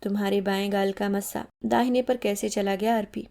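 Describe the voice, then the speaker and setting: A woman's voice: mid-range voice, fairly even intonation, brisk, mellow, lightly acted. Woman voicing a guilt-haunted young killer. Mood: anguished, haunted. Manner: tense, anguished muttering.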